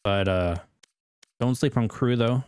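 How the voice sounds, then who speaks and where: A man's voice: mid-range voice, measured pace, darkish tone, clean tone. A young American man with a rambling, self-correcting way of talking, giving casual esports predictions as a video host.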